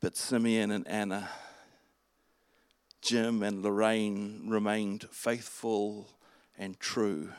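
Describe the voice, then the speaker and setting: A man preaching a sermon in a conversational, halting way, with restarts and fillers. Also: lowish voice, flat delivery, clean tone, dry recording. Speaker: pastor.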